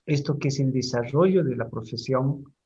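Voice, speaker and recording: A middle-aged man giving a university class lecture, speaking deliberately, pausing and repeating words as he explains. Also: medium pitch, a little mellow, husky, lo-fi sound.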